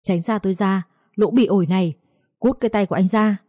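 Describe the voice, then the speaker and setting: A woman's voice: medium pitch, fairly quick, mellow, dry recording, studio quality, natural voice. A woman reading aloud, voicing a young wife who pleads and resists. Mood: defiant. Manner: pleading, defiant. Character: frightened young wife pleading for her husband.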